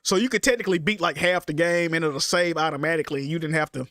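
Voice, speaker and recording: Hosting a livestream, a man with a fairly high, congested voice keeps up casual chat full of slangy banter and frequent swearing. He talks at a quick pace with a bit of brightness, sitting near the mic, so the sound is dry and close with no room sound.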